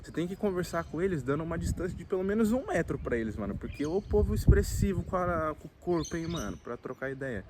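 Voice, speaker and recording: A man in his late twenties with a Brazilian Portuguese accent, talking to the camera in a relaxed, slangy, reflective way. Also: a little high, fast, few pauses, noisy background. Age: late 20s. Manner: laid-back slangy talk, frequent filler tags. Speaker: vlogger. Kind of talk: casual reflective monologue. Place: outdoors at a campsite.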